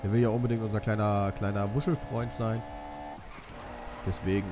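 A young man jokes and pokes fun at himself as he commentates on a racing game he's playing, let's-play style. His voice is lowish and level, his pace moderate, and game music, car sounds and other background noise can be heard.

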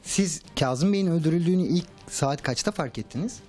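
Male field reporter, slightly high and lively intonation, calm and direct questions. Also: brisk.

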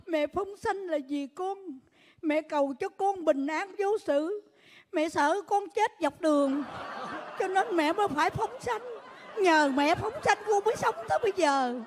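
A woman plays a sentimental middle-aged stepmother, pleading and lecturing in a very high voice. The stage adds a long echo. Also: measured pace. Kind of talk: live stage comedy skit.

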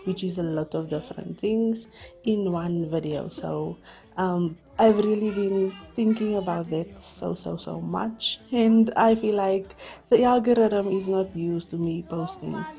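A woman in her thirties talking through her day as a vlogger in a relaxed, thoughtful way, with lots of fillers. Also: lowish voice, gravelly. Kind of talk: casual voice-over narration.

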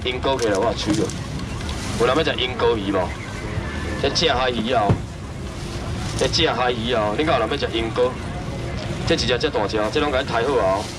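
A man in his thirties with a Taiwanese accent, auctioning seafood at an outdoor night market stall, hawking loudly and shouting out prices. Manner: loud rapid hawking, jumps to high shouts on prices. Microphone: far camera. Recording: distant mic, loud crowd and traffic noise.

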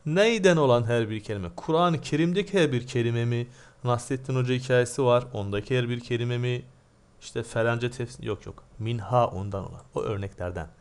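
A man teaching grammar at an even pace. His voice sits in a middle range. He keeps asking questions aloud and answering them himself, in a quizzing tone. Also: mid-range voice, a little fast, clear, resonant tone. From Turkey. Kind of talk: grammar lesson.

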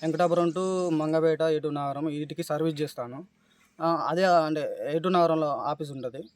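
A man with a Telangana Telugu accent giving distressed, halting testimony in an interview, pleading and repeatedly addressing the listener as sir. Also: a little high, no echo. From Telangana, India. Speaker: complainant describing police abuse.

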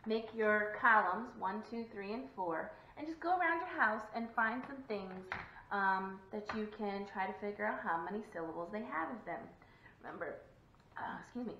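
A woman's voice: medium pitch, animated, moderate pace, pushed and bright, slight background noise. A woman teacher giving a video lesson to young children, encouraging and sing-song, clapping out syllables. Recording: echoey room, dull lo-fi sound.

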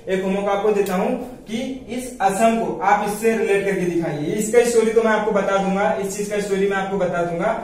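A man's voice: high voice, a little mellow, very echoey, recorded from a distance. A man teaching a memory trick through a story, often repeating lines and quizzing his listeners. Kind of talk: story-based memory lesson.

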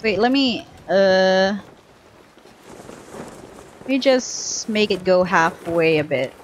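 A woman's voice: mid-range voice, animated, slow, slight background noise. A young woman giving casual live gameplay commentary on a headset mic, chatty and thinking aloud in short bursts. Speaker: game streamer. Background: faint game music.

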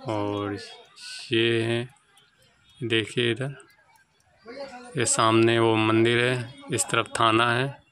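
A young man with a medium-pitched, fairly bright voice films a casual vlog on a phone held at arm's length, and the audio is poor. He acts as a chatty guide, pointing things out to viewers as he shows them around his shop and a village market.

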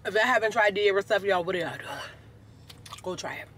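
A man vlogs from inside a car, chatting casually and animatedly to his viewers with car noise in the background. His high, sharp-toned voice is expressive and fairly quick.

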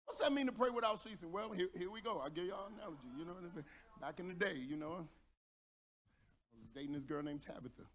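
A male pastor from Texas preaching a sermon, building to shouts at the high points and joking with the congregation. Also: rapid-fire. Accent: Texan. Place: church sanctuary.

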